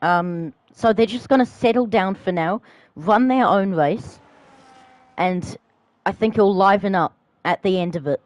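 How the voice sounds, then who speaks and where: Young man, race commentator, drawn-out delivery, excited calls, close dry recording. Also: high-pitched, dry recording, low-quality recording. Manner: excited, shouting at big moments, then calmer asides. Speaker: sim racing commentator.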